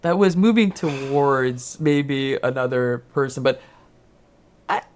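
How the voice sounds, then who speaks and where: A man co-hosting a casual podcast chat, telling stories in an animated, jokey way. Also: medium pitch, takes it slowly. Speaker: podcast co-host.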